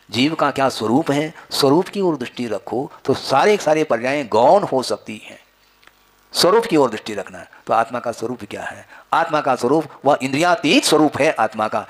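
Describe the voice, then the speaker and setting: A man with a medium-pitched voice speaks as a sage-like religious teacher. He delivers a spoken discourse in a didactic way, putting rhetorical questions to his listeners and repeating key phrases to drive them home.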